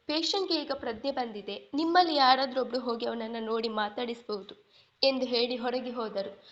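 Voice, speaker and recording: A woman's voice: sits high, a bit bright, dull audio. A woman storyteller narrating a serialized romance audiobook, voicing both lovers in the dialogue.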